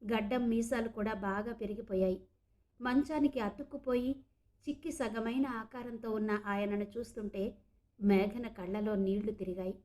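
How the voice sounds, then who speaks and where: A woman's voice: fairly high pitch, moderate pace, mellow. A woman from Andhra Pradesh, hosting an audiobook channel and reading a short story aloud. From Andhra Pradesh, India. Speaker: audiobook narrator. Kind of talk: storytelling narration.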